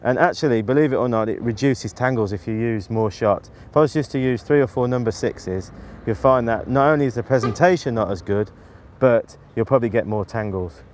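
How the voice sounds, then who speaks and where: A man in his forties, a match angler, demonstrates something to camera outdoors on a riverbank, talking into a lapel mic. His voice is medium-pitched, a little fast and a little mellow, and his practical explanation comes with fillers and restarts. There is slight background noise.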